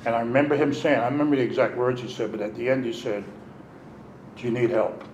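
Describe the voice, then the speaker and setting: A man's voice: mid-range voice, rapid-fire, muffled recording. A middle-aged man speaks candidly about his past at a recovery meeting, switching into the voices of the people in his story. The room is echoey, and a faint hiss sits under his voice. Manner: candid, animated, acts out quotes. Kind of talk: personal storytelling.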